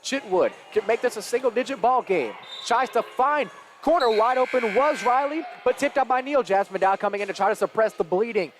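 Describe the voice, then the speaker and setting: A man calling live high school basketball play-by-play, quick and energetic as the action rises. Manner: rapid and energetic, rising with the action. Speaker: play-by-play announcer.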